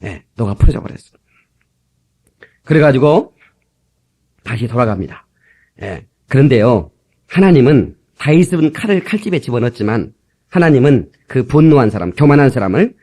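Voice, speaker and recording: Middle-aged pastor guy preaching off an old tape, husky, voice swings up and down a lot. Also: medium pitch. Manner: lively storytelling, acting out quarrels with shouted voices. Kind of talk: sermon. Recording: old cassette tape sermon recording.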